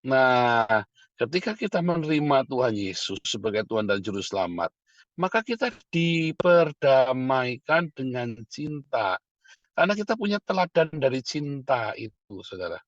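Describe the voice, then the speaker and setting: A man's voice: mid-range voice, very animated, normal speed, no echo, muffled recording. A middle-aged man, a pastor, preaching a sermon and calling to his listeners as brothers and sisters.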